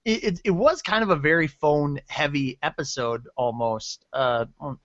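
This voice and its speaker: A man's voice: a little high, normal speed, fairly bright tone, no echo, highs cut off. A man co-hosting a podcast, offering his take on a TV episode with hesitant, filler-heavy phrasing. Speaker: podcast co-host. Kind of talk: casual TV episode discussion.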